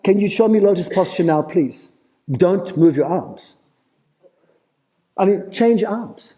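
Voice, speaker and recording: A man's voice: high-pitched, lively intonation, a little slow, warm tone, rough recording. An Australian man giving a playful live talk at a festival, putting questions to the audience. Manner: engaging, asks the crowd questions, playful. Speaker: festival presenter.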